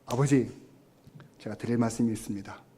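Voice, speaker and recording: A man's voice: medium pitch, steady tone, brisk, slightly rough, voice pushed down, close to an everyday voice. A man voicing a grown son who politely and earnestly pleads with his father. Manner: polite, soft-spoken.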